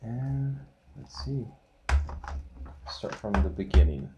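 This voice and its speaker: A man in his thirties hosting a casual unboxing vlog, reading titles off with small relaxed asides. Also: lowish voice, slow, heavy background noise. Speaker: channel host unboxing a disc set.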